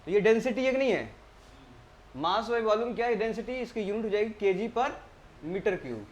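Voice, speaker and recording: एक पुरुष शिक्षक इंजीनियरिंग परीक्षा की कक्षा में व्याख्यान दे रहा है। वह अक्सर कक्षा से सवाल पूछता है और खुद ही जवाब देता है। वह मुख्य शब्दों को बार-बार दोहराता है।. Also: male voice, sits high, lively intonation, normal speed, a little hiss or hum. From India. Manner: asks the class questions and answers them himself; keeps repeating key terms. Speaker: engineering exam tutor. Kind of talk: classroom lecture.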